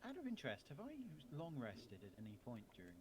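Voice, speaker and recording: A man's voice: medium pitch, wildly swooping pitch, fast talker, noisy background. A man playing a tabletop game, thinking aloud and hesitating over his moves. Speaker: player. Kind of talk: casual tabletop game play.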